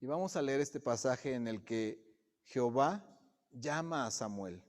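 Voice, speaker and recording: A man's voice: medium pitch, animated, a little slow. A man preaching a sermon to his congregation, often putting direct questions to the listeners. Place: church sanctuary. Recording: long reverb of a church hall.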